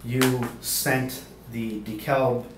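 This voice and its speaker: A man's voice: medium pitch, level tone. A man on an old interrogation tape, a state police investigator who stumbles through questions with frequent uhs and ums. His voice is distant and roomy, caught by a fixed mic in an interview room. Faint hiss sits underneath. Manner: halting, with many uhs and ums. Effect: interrogation-room tape recording. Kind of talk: formal interrogation. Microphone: fixed room camera mic.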